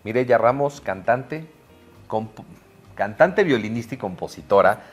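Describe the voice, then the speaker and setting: Deep-ish guy hosting an interview, laid back and chatty, soft music in the background. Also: lively intonation, unhurried. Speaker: host.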